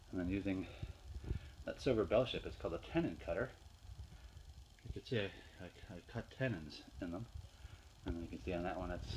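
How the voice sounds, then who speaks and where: A man's voice: low-pitched, a little hiss or hum, rough recording. A man showing his woodworking projects in his home garage, talking casually to a handheld phone camera with fillers and restarts. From Northeastern Pennsylvania. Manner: plain, unhurried, with fillers and restarts. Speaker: hobby woodworker. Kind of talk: casual show-and-tell vlog.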